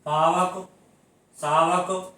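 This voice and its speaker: A man with a fairly high, level, sharp-toned voice gives a Hindi grammar lesson at an unhurried pace, explaining step by step. He poses questions to the class, answers them himself, and stretches example words out syllable by syllable. The room is very echoey and he sounds distant from the mic.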